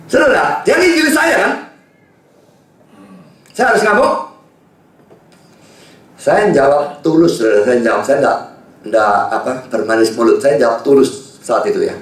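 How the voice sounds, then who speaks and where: A male pastor preaching a sermon, swinging from quiet asides to shouting. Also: mid-range voice, expressive, normal speed, pauses often. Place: church hall. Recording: echoey hall, distant mic.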